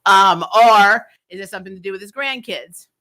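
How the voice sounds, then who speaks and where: Here a woman hosts a TV recap in a sharp, medium-pitched voice at normal speed. It's an opinionated, casual review chat, and she's blunt, sweary and fed up, repeating things for emphasis.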